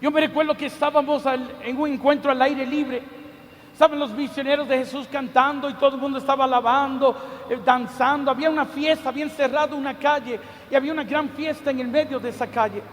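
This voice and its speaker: A man preaching a sermon with fervor, often pausing to address the listener fondly. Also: extremely high pitch, fairly even intonation, a bit bright, a little hiss or hum. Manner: fervent, repeats a fond address to the listener. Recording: long hall reverb.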